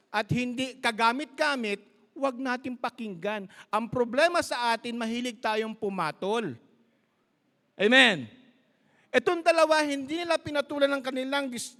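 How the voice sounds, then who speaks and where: A man's voice: very high voice, a bit bright. A man preaching a live sermon as pastor, emphatic and storytelling, mixing Tagalog and English. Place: large church hall. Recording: live church sound with long reverb.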